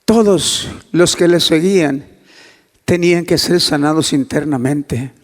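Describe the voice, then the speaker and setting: A male pastor preaching a sermon, swinging from soft near-whispers to loud emphatic climbs and acting out dialogue in a hushed voice. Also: a little high, a little slow, big-room sound. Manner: acts out quoted dialogue in a hushed voice.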